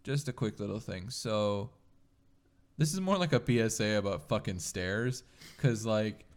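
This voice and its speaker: A man chatting casually as a podcast co-host, telling rambling, animated stories peppered with swearing. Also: on the low side, unhurried. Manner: swears freely. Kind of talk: casual chat and storytelling.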